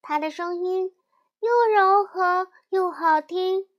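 A woman voicing a group of little goat kids, talking in a high, insistent childlike way. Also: takes it slowly, muffled recording. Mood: defiant.

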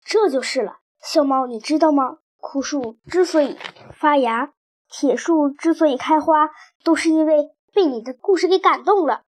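Woman doing a sage old turtle, calm, lowered voice, storybook telling, high-pitched reader. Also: normal speed, close to an everyday voice. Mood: calm, wise. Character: wise old male green-haired turtle.

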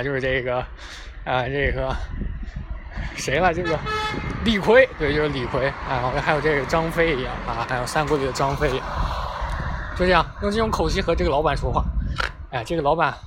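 A young man, a vlogger, casually tells a funny story outdoors near traffic, chatty and self-mocking. His voice is on the high side, expressive, and a little fast. Street and traffic noise, including passing vehicles, is clearly audible behind him.

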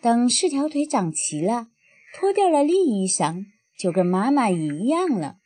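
A woman voicing a kind, gently amused mother frog who speaks tenderly to her children in a bedtime story. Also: on the high side, big pitch swings, a little slow, slightly rough, pitched above the performer's own voice, heavily acted. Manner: tender, doting.

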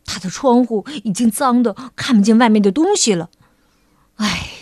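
A woman's voice: on the high side, normal speed, darkish tone, no room sound, studio quality, close to an everyday voice. A woman voicing a fussy, irritable male rabbit in a storybook reading, with a grumbling, exasperated manner.

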